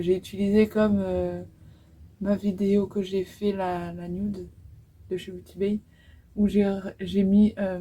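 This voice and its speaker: In a low-quality recording, a twenty-something beauty vlogger narrates her eyeshadow application in a makeup tutorial. She speaks casually and hesitantly, full of fillers, in a warm, mid-range voice.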